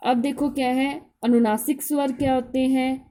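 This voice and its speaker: A woman's voice: high voice, flat delivery, normal speed, mellow. A woman teacher giving a school grammar lesson, posing questions to the class and answering them herself. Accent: Hindi.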